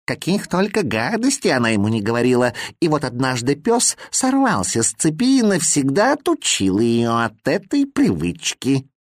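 Мужчина озвучивает серьёзного ворчливого кота-домашнего любимца, который говорит неторопливо, с недовольными нотками. Голос ниже обычного для чтеца, запись сухая, без эха. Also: male voice, medium pitch, huge pitch swings, no room sound, clean studio sound. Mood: grumbling. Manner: grave, grumbling, slow. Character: grumpy serious male tomcat, the boy's pet.

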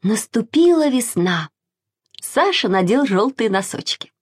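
Expressive woman reading a children's story. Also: on the high side, a little slow, slightly rough. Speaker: narrator.

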